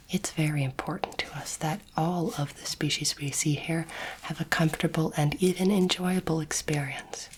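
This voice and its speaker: In a whispered ASMR medical roleplay, a woman plays a courteous, curious alien space doctor examining a human, her low voice breathy and mostly unvoiced. She is gentle, measured, reassuring and very level in tone. The close recording is noisy, with clicking sounds.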